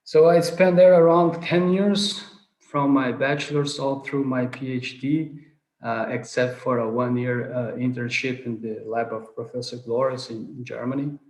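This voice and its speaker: Unhurried and a little mellow, his steady mid-range voice carries an earnest online award lecture; he's in his thirties, from southern Brazil, with Portuguese as his first language. He hesitates and restarts frequently as a non-native speaker, and the video call webcam leaves the sound roomy.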